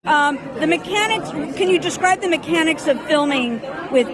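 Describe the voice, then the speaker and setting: Brief: woman red-carpet reporter, high voice, eager chatty questions, crowd noise behind. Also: expressive, moderate pace. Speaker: entertainment correspondent. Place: busy premiere event.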